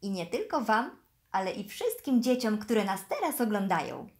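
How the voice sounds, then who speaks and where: A woman reading a fairy tale aloud to children in a soft, expressive way. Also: mid-range voice, moderate pace. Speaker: storyteller for children.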